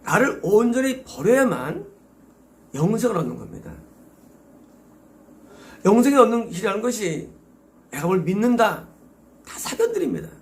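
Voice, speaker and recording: Gravelly, high-pitched Korean pastor preaching. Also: male voice. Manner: emphatic, exhorting with rhetorical questions. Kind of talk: sermon.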